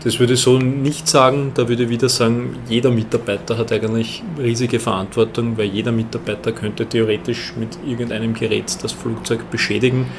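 A man with an Austrian accent giving measured, explanatory interview answers as a ground handling manager. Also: mid-range voice, level tone, background noise.

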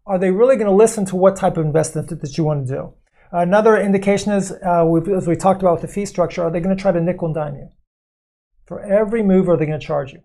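A man co-hosting a podcast, giving measured explanations in a conversational way and sometimes acting out what callers say. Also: high voice, warm tone. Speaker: podcast co-host explaining investing.

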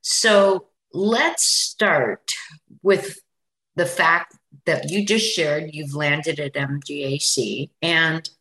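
A woman hosting a podcast, reading a scripted intro and then interviewing in a measured, earnest way. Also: fairly low pitch, a bit bright, low-quality recording. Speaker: podcast host.

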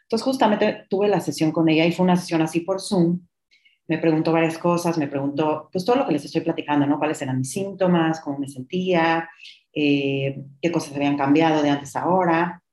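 A middle-aged woman speaks as a podcast host, sharing a personal story in a reflective, confessional way. Her voice sits a little low, and she now and then drops English words into her speech. The recording carries a noticeable roomy echo. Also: a little fast, a little mellow.

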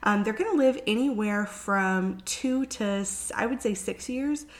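A woman talks casually to her podcast listeners as a veterinarian. She is ill and sounds drained, nearly hungover. Her medium-pitched voice moves along haltingly in a weary, informal way. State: sick with flu-like illness, worn out. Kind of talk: casual solo podcast talk.

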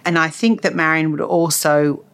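A woman's voice: deep voice, steady tone, moderate pace. A woman reviewing a novel in casual chat, enthusiastic and talkative, with the odd small laugh. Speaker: book reviewer.

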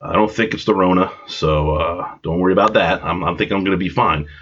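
Brisk and breathy, a low-voiced man with a slightly bright tone hosts a podcast despite a cold that leaves him congested. The Long Island, New York native spins a rambling, self-deprecating story with side tangents, recorded at home in dull lo-fi quality.

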